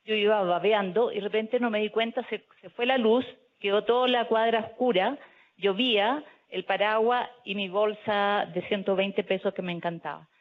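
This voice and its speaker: A woman telling a personal story at a panel talk, animated and loud at times. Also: medium pitch, moderate pace. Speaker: speaker at a panel discussion. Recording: tinny phone-like audio.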